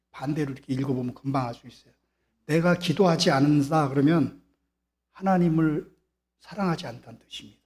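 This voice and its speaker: A man's voice: on the high side, warm tone. A man preaching a sermon as pastor in a church, pressing his point with repetition and rhetorical questions. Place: church sanctuary.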